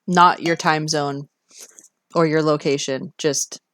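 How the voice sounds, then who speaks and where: A woman's voice: sits low, fairly even intonation, takes it slowly, fairly bright tone, dry recording. A Canadian woman live streamer chatting casually with her viewers, often interrupting herself and reacting expressively.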